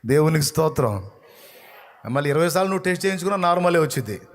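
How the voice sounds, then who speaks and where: A man's voice: lively intonation, rapid-fire. Passionate Telugu-speaking man preaching a sermon. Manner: passionate, swings from shouting to low intensity; speaks in God's voice, rhetorical questions to listener. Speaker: pastor.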